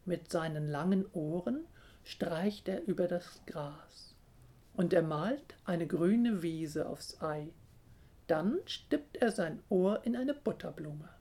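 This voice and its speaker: A woman gently reading a children's story in a calm, measured way. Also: fairly low pitch.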